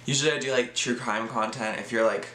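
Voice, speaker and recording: A man's voice: mid-range voice, steady tone, a little fast, sharp tone, echoey room, slight background noise. A young man telling a personal story in a casual vlog, chatty and joking, with lots of fillers. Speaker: YouTuber.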